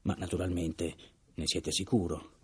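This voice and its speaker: A man's voice: sits low, little pitch movement, measured pace, a little mellow, slightly rough, full character voice. A man reading an audiobook voices a gaunt, deathly ill first mate who speaks solemnly in a hollow voice and breaks into agitated questions. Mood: insistent.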